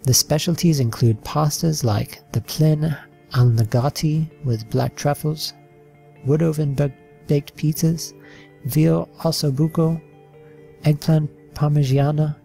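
A man's voice: on the high side, unhurried, creaky, dark tone, soft background music. Man reading a slideshow narration. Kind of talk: read-aloud narration over a slideshow.

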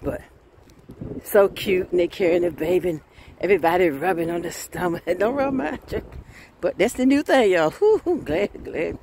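A woman, preaching a sermon in a lively folksy way and laughing often. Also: fairly low pitch, a little hiss or hum.

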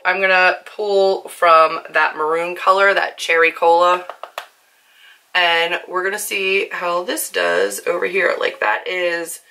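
Young female beauty vlogger, voice hoarse and rough, lowish pitch, bright tone, rambling casual delivery. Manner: chatty, filler-heavy, self-deprecating. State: hoarse from screaming. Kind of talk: casual makeup demonstration.

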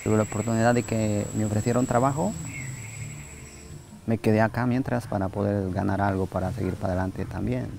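Gravelly Salvadoran man, halting speech. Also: lowish voice, steady tone, noisy background. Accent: Salvadoran Spanish. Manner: halting, plainspoken, many fillers and restarts. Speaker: migrant worker. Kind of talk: documentary interview testimony. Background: music.

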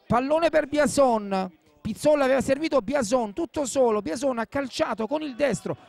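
A man giving excited live football commentary, repeating names and phrases. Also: extremely high pitch, moderate pace, creaky.

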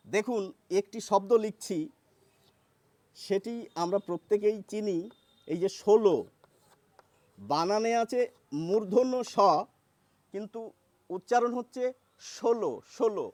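A man teaching a lesson on pronunciation, speaking slowly and deliberately and repeating sounds to demonstrate them. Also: high voice, darkish tone, dry recording. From Bengal. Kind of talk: explanatory lesson.

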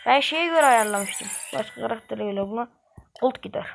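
Woman, gaming commentary, excitable, slangy trash talk, highish voice, music playing behind. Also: moderate pace, vocal fry. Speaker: gaming channel host. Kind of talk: live gameplay commentary. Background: game music.

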